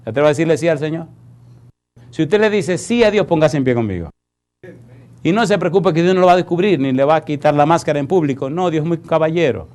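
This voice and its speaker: A male preacher with a voice that sits a little high. He tells stories in a folksy, familiar way, calling his listeners "compadre." He swells into loud, forceful exhortation from the pulpit. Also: fast talker. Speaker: pastor. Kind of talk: sermon.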